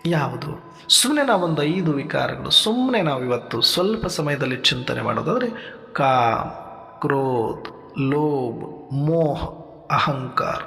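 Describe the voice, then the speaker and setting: A man giving a sermon in a measured teaching manner, asking rhetorical questions and listing points for his listeners. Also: mid-range voice, animated, vocal fry, bright, forceful tone. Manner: rhetorical questions, lists, addresses listeners as brothers. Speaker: spiritual speaker. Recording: long hall reverb with faint music.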